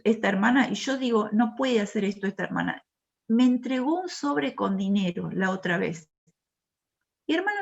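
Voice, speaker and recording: A woman's voice: on the high side, gravelly, muffled recording. Impassioned woman preaching a sermon. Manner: impassioned, rising to emphatic exhortation. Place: church.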